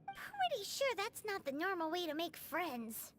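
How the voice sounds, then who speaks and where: A tiny, excitable girl sidekick from a video game. Her childlike voice is extremely high and slow-paced, swinging wildly in pitch, blunt and indignant, with faint music behind. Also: slight background noise, heavily acted. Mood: exasperated. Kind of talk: scripted video game voice acting.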